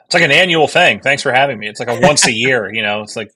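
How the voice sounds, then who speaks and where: A man's voice: medium pitch, expressive, fast talker, bright, forceful tone, slightly rough. A man speaking as a podcast guest, easygoing and joking as he explains his work. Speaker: podcast guest, analytics executive. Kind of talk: casual interview.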